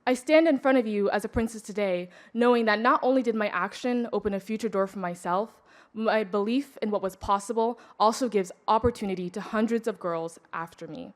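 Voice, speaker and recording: A young woman in her late teens, a student speaker, giving a prepared public speech in a composed, deliberate way. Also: medium pitch. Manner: composed and deliberate, measured delivery.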